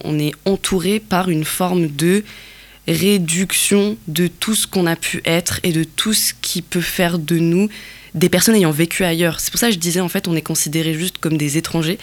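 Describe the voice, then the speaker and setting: A woman from Algeria speaks as an interview guest. She talks in a reflective way, pausing and rephrasing often as she works out her thoughts. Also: on the low side. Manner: thoughtful, many fillers and restarts.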